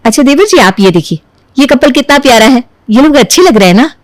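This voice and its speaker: A sensible young sister-in-law in a cartoon, chatty and persuasive, voiced by a woman. Her voice is high and dry. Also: expressive, fast talker, dry recording.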